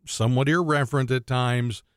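A man's voice: mid-range voice, steady tone, normal speed, clean tone, no room sound, clean studio sound. A man from Kentucky hosting a radio talk show, chatting casually and cracking jokes. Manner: joking, teasing.

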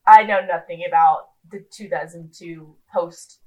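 A woman's voice: on the low side, fairly even intonation, a little slow, rough recording. A woman in her twenties co-hosting a podcast in casual chat, rambling with lots of ums and restarts. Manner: rambling, self-deprecating, many ums and restarts. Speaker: podcast co-host.

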